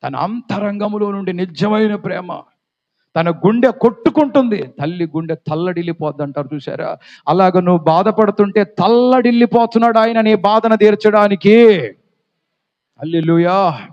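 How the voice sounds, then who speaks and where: A man's voice: high voice, normal speed, a little mellow. A man preaching a sermon, fervently calling on his congregation to respond. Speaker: pastor. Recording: dull lo-fi sound.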